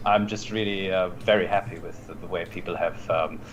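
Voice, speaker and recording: A man, an actor who is a guest in an interview, speaking in a halting way with many restarts and fillers. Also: deep voice, fairly even intonation, slight background noise, low-quality recording. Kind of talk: casual interview.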